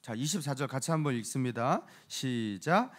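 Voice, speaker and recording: Animated man preaching with a lively voice. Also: mid-range voice, moderate pace. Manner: lively, animated preaching with laughs and acted-out quotes. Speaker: pastor. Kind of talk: sermon. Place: church sanctuary.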